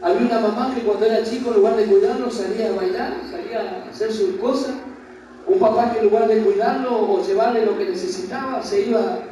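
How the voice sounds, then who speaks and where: High-voiced pastor in an echoey hall. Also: male voice, brisk, dark tone. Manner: impassioned, questions the congregation directly. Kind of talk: preaching a Bible study sermon. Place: church hall. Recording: very echoey hall, voice from far off with background noise.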